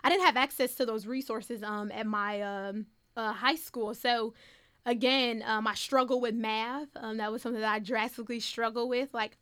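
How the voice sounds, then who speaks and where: Interviewee: young woman, bright, crisp voice, animated storyteller. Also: on the high side. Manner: animated, filler-heavy, emotional storytelling. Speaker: interviewee, first-generation college graduate.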